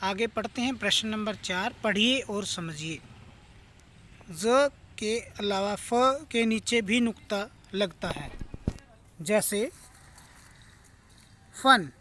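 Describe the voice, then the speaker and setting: A man's voice: sits high, slow, long pauses, sharp tone, slight background noise. A male teacher explaining a textbook lesson to children, patient and repetitive, often addressing the class directly. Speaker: school teacher.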